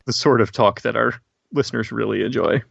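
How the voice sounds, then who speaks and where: Gravelly-voiced joking man co-host. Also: medium pitch, steady tone, brisk, dry recording, dull audio. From Baltimore County, Maryland. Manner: jokey, laughs often. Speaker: podcast co-host. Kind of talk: casual chat.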